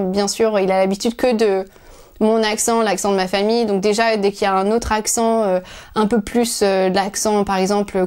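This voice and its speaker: A woman's voice: mid-range voice, a little mellow. Rambling woman hosting a knitting podcast. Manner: rambling, full of hesitations and restarts. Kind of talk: casual chat to viewers.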